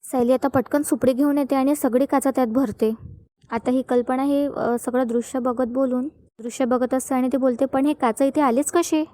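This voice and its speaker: A woman narrating a recap of a TV serial episode, linking the scenes in a steady storytelling manner. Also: high-pitched, moderate pace, no echo. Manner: steady storytelling with frequent "now" links.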